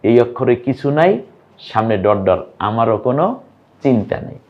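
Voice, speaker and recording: A young man gives an online lesson on reading Arabic vowel marks, patiently sounding out syllables and quizzing viewers. His voice is medium-pitched at a moderate pace, and the highs are cut off.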